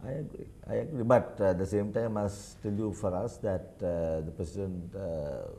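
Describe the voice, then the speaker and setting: A man's voice: deep voice, fairly even intonation, moderate pace, dark tone, a little hiss or hum. A man, a political commentator in a studio news interview, making his points insistently and checking agreement with "right?". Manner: emphatic, insistent, keeps asking "right?".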